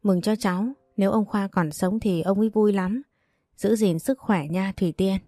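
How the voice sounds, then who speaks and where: A woman's voice: medium pitch, fairly even intonation, normal speed, dark tone, dry recording, clean studio sound, close to an everyday voice. Woman reading as a tender older aunt. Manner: tender, motherly.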